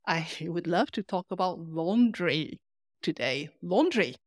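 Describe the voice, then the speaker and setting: A Paris-based woman co-hosts a podcast, speaking in a fairly low, expressive voice at a measured pace. The studio-quality recording has no room sound, and her casual explanations come out hesitantly, with frequent repeated words.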